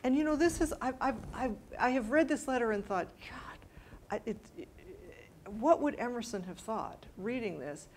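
Expressive and slightly high, her voice moves at a normal speed against slight background noise. After her scholarly lecture in a bright mid-sized library room, this middle-aged woman takes audience questions informally, hesitating and revising herself as she thinks out loud.

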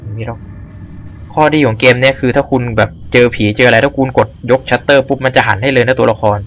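A man casually commenting while playing a horror game, swearing freely and reacting loudly to scares. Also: medium pitch, steady tone, fast. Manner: talks to himself while exploring. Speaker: gamer. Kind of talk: let's play commentary.

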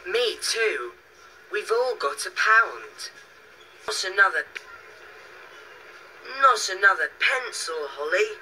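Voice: mid-range voice, very animated, takes it slowly, long pauses, sharp tone, slight background noise, heavily acted, rough recording. An actor voicing a friendly boy in a scripted children's language-course cartoon. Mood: pleased.

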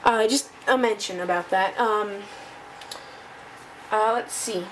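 A woman presenting a casual tech demo off the cuff, halting and thinking aloud as she goes. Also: mid-range voice, a bit bright, rough recording. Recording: noticeable background noise.

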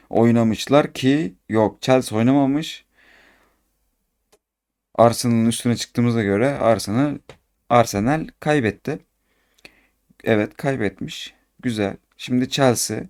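A man commentates his football video game as he plays. He talks to himself, gets excited fast and scolds the players on screen. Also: mid-range voice. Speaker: gaming YouTuber.

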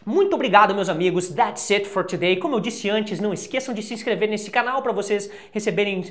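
A woman with a Brazilian Portuguese accent teaches English in a relaxed, chatty way. Her voice sits at a mid pitch. She slows right down whenever she models an English example phrase. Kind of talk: casual teaching to camera.

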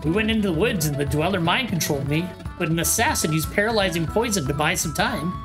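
A man's voice: sits high, expressive, fast talker. Man reading as earnest young adventurer lad. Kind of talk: reading video game dialogue aloud. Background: game music.

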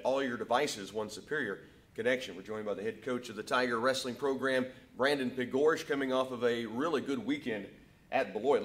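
Middle-aged man hosting a local sports show. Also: mid-range voice. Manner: smooth, scripted intro then chatty questions. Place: school wrestling room, indoors.

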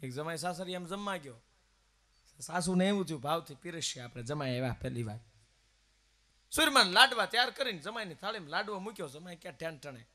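A high-pitched, bright-voiced man tells comic stories from a live temple stage. He moves fast between narration and playful impressions of the people in his tales. His delivery is lively, with a folksy storyteller's pull. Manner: animated comic storytelling, acting out quoted voices. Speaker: folk singer telling jokes between songs.

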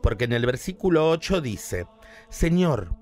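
A man with a Rioplatense accent retells a Bible story for laughs in a flamboyant, theatrical way. His voice sits a bit high and swings widely. He keeps breaking into shrieking put-on voices. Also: very animated, brisk, a bit bright. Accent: Rioplatense Spanish. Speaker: radio comedian.

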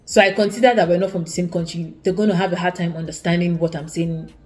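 Fast and steady, her darkish voice sits on the low side while faint music plays in the background. The young Nigerian student vlogger with an Igbo accent offers earnest, casual advice to camera from a living room, repeating herself and restarting frequently.

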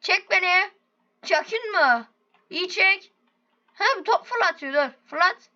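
High, bright, excitable woman gamer. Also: lo-fi sound. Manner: loud, excitable, quick exclamations and rough slang. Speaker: gaming video host. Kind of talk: excitable gameplay commentary.

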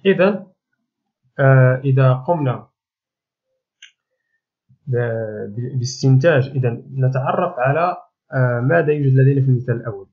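A man teaching a recorded remote lesson, explaining patiently step by step with frequent pauses. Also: medium pitch, slightly rough. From Morocco. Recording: tinny phone-like audio.

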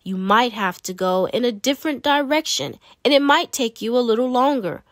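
A woman reads a children's picture book aloud with expressive flair, adding dramatic emphasis and playful asides. Her voice is fairly high and a bit bright at a moderate pace, in a dry, studio-quality recording.

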